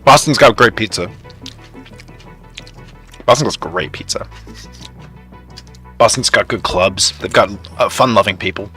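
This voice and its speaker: A man's voice: on the low side, a little slow, long pauses, pushed and bright, faint music behind. Chatty, laughing male game streamer. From Canada. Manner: chatty, laughs often, talks to chat. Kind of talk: casual live stream chat.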